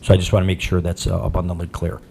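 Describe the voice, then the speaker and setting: A man chairing a city council meeting, speaking in a measured, hesitant way with many pauses. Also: low voice, little pitch movement, gravelly, dark tone, slight background noise.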